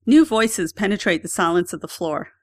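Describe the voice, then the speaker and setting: A woman's voice: medium pitch, lively intonation, moderate pace, no room sound. A woman, the author, reading her own memoir aloud in a plain first-person narration.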